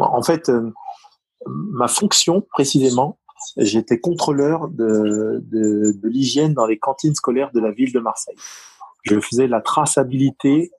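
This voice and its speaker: Husky-voiced Parisian man, halting speech. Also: mid-range voice, a little mellow, no room sound, poor audio. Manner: hesitant, many fillers and restarts. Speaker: guest, former top-level athlete. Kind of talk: conversational interview.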